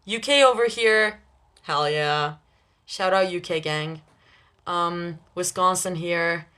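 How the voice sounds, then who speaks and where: A young woman hosting a livestream, chatting casually with viewers, laughing often between quick asides. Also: fairly low pitch, bright, forceful tone. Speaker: livestream host reading chat. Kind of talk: casual live chat with viewers.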